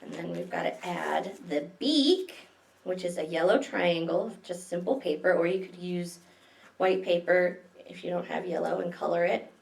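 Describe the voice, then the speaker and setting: A woman with a fairly low, darkish voice and some vocal fry speaks at a moderate pace, leading a children's story time like a librarian: reading a picture book and showing a simple craft in plain terms. She is far from the mic in an echoey room.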